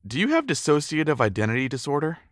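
An actor playing an eager, flustered young newlywed husband in an audio drama, often stammering. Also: male voice, a little high, wildly swooping pitch, fast, no echo, clean studio sound.

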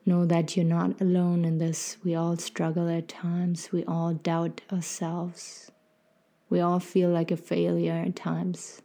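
A woman hosts a guided meditation in a mellow, slightly low voice. She speaks very slowly and softly, with a gentle, soothing manner and little rise or fall. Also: completely flat delivery. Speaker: podcast host and meditation guide.

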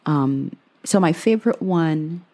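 Woman in her thirties, low and gravelly, mellow tone, dry humor, casual Q&A vlog. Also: expressive, takes it slowly. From Guyana. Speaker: vlogger.

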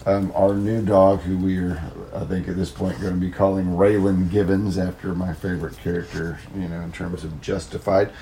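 Low, gravelly-voiced man rambling casually. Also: little pitch movement, normal speed, few pauses, mellow. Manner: self-deprecating, mildly profane, meandering. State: voice worn from talking over crowds of children. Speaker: podcast host. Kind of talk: rambling casual gaming podcast monologue. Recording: noticeable background noise.

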